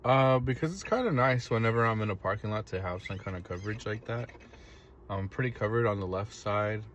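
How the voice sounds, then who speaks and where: A man chatting casually on a live stream from inside his parked car, telling a story in a relaxed way and swearing freely. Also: on the low side, brisk, a little hiss or hum. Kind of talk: casual live-stream chat reading comments.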